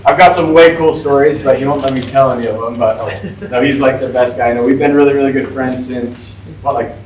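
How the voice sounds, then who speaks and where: A man in his forties addresses a school class as a guest speaker, chatty and informal, full of "like" and "right?". His everyday-pitched voice is a little mellow, fairly even in intonation, and quick. He sounds distant in an echoey room with faint background noise.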